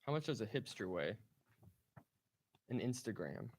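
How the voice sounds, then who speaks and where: A man trading dad jokes in a contest, delivering setups and punchlines deadpan with short thoughtful hums. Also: lowish voice, a little slow, a little hiss or hum. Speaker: joke contestant.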